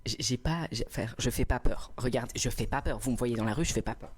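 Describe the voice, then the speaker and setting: A young man telling a story on a live stream in casual chat, animated and laughing often, acting out a quarrel loudly, on a small clip-on mic indoors. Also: mid-range voice, fairly quick, breathy edge. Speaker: livestreamer.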